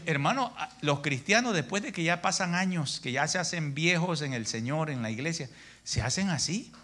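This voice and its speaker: A middle-aged man preaching a sermon in a church, telling stories in an animated way and calling his listeners brother. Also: sits high. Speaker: pastor.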